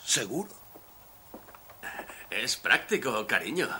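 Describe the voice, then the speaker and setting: A sullen, mocking husband. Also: male voice, mid-range voice, very animated, slow, sharp tone, slight background noise, full character voice. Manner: mocking, dismissive. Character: lazy, sullen husband who runs a gas station. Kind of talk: dubbed film dialogue.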